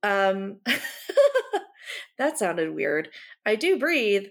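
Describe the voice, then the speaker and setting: A woman's voice: mid-range voice, sing-song, drawn-out words, creaky. Reflective woman co-host, thinking aloud. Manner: reflective, hesitant, many fillers like "you know" and "um". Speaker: podcast co-host. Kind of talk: casual chat.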